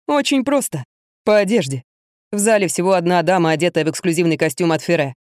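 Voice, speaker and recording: A woman voicing a calm, blunt young male fitness trainer who speaks curtly and matter-of-factly. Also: lowish voice, fast, no room sound, clean studio sound, natural voice. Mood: cool. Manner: cool, curt, matter-of-fact.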